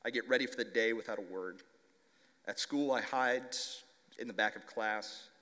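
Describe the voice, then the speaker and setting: A young man who stutters, slowly reading a children's story aloud to a conference audience. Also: fairly low pitch, sharp tone. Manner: stutters, slow deliberate reading. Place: conference hall. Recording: long reverb of a large hall.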